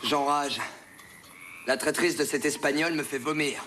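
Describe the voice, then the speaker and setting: A man's voice: fairly high pitch, steady tone, a little slow, background noise, lightly acted. An actor playing a melodramatic young nobleman who speaks grandly and pompously. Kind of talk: film drama acting.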